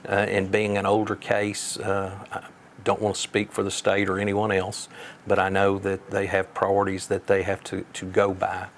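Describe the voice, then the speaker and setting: Low, flat-voiced man, plain-spoken. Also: moderate pace, slight background noise. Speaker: sheriff being interviewed. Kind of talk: measured interview answers.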